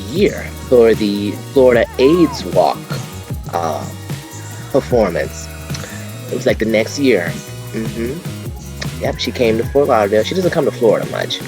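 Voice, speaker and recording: A man from Miami tells a lively story in a casual interview, his voice sitting a little high and swinging widely in pitch. He acts out the people he quotes with sudden jumps up in pitch. Soft music runs under the talk. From Miami, USA. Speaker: guest singer.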